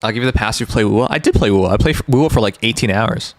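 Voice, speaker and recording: Speaking fast in a lowish voice, a male livestream host chats informally and jokes with his viewers. He is close to the microphone, and the recording has no echo.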